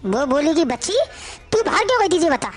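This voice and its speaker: A woman's voice: high voice, big pitch swings, brisk, soft background music. A woman voicing a strict, nagging older mother-in-law who scolds and mocks in a cartoon story. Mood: scolding. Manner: scolding, sarcastic.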